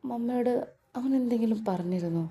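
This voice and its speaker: A woman's voice: fairly high pitch, brisk, dark tone, husky. A woman voicing a young wife who pleads in a babyish, coaxing way. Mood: pleading.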